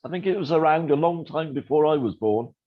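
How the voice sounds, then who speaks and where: A man's voice: a little high, animated, a little fast, narrow, tinny audio. A man speaking as a guest teacher in a casual class chat, with dry, self-deprecating humor.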